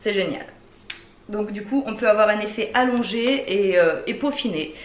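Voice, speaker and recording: A woman's voice: mid-range voice, expressive, normal speed. A woman with a French accent, chatting enthusiastically through a beauty product haul, with many fillers. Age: adult with children. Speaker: beauty vlogger. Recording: echoey room, faint ambient noise.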